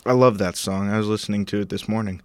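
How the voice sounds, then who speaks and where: Young male podcast host, low and smooth voice, loose jokey rambling, dry close mic. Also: little pitch movement, quick pace, a little mellow, no echo. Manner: rambling, jokey, trails off into mumbles. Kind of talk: casual podcast chat.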